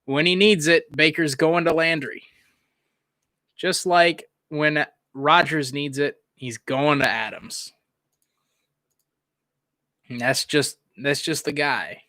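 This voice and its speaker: A man's voice: fairly high pitch, fairly even intonation, slow pace, long pauses, pushed and bright, no room sound. A young man doing casual live play-by-play of a football game, rambling and chuckling as he answers chat between plays. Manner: rambling, laughs often, reads chat aloud.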